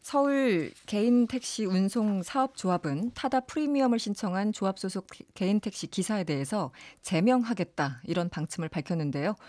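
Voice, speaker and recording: A woman hosting a radio current-affairs interview in a studio, asking brisk, friendly questions. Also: medium pitch, a little mellow, no echo.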